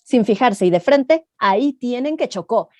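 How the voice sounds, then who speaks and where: A woman's voice: fairly high pitch, moderate pace, dry recording. A woman, an oral storyteller, talking in an interview and telling a tale playfully to her listeners. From Mexico. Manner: expressive, playful, addresses the audience.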